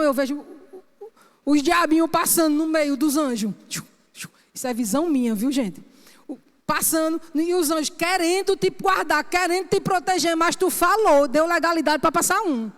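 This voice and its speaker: High-voiced woman preaching. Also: moderate pace. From Brazil. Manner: emphatic preaching, punctuated with frequent "Amém?". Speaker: minister. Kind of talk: sermon. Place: church sanctuary. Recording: long church-hall reverb.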